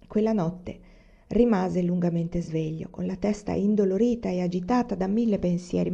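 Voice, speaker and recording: A woman reading a novel aloud as an audiobook, in a calm, measured storytelling manner. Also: mid-range voice, highs cut off. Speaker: reader.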